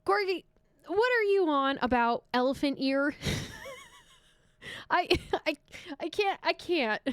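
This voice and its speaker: A woman's voice: sits high, expressive, slow, dry recording, studio quality. A young American woman streaming live, chatting casually and teasing her viewers with frequent laughter. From United States. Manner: giggly, teasing, laughs often.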